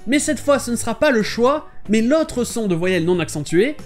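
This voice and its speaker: Lively man teaching pronunciation. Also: very high-pitched. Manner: clear, explanatory, modelling words slowly. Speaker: English teacher and channel host. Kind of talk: scripted pronunciation lesson. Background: soft background music.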